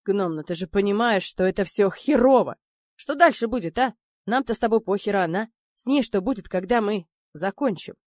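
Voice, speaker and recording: A woman reading an audiobook, voicing a cold, detached man who speaks in flat, clipped phrases. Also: mid-range voice, a little fast, no room sound, studio quality, close to an everyday voice. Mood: troubled. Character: cold, detached, icy man of few words.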